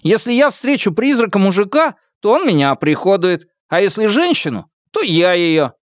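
Picture a brash young dorm student with a clowning, boastful manner, his voice pushed up high and lively, as a man puts him on. Every line swoops around with showy energy. The read is dry and close, with no room sound. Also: normal speed, dry recording. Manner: boastful, theatrical.

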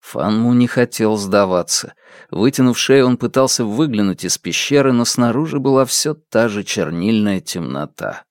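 A man reading a novel aloud as audiobook narrator, measured and unhurried. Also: fairly low pitch, lively intonation, no room sound, studio quality. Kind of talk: scripted narration.

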